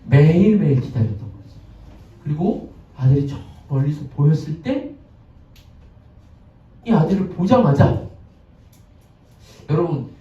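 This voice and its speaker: Guy preaching a chatty sermon, voice bouncing up and down, mellow tone, picked up from far off in a boomy church. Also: lively intonation, a little slow, long pauses. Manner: chatty, asks the congregation questions, acts out scenes. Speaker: pastor. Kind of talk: conversational sermon. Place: church sanctuary. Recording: echoey, distant, dull lo-fi sound.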